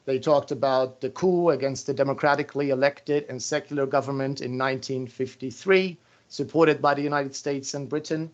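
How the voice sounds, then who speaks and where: A male interviewer with an ordinary mid-pitched voice sets up long, carefully framed questions for his guest. He speaks deliberately, recounting what he saw and heard before handing over the floor. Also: fairly even intonation, lo-fi sound.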